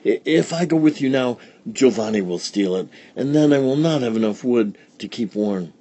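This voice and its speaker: A man's voice: medium pitch, animated, normal speed, dark tone, voice pushed up, lightly acted. A man voicing a poor old village woman in a storybook, eager and pleading, a little breathless.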